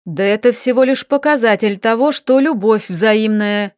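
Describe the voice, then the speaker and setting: A woman's voice: a little high, normal speed, no room sound, studio quality, close to an everyday voice. A woman voicing a haughty male warlock who talks in a cool, condescending, evasive way. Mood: defensive.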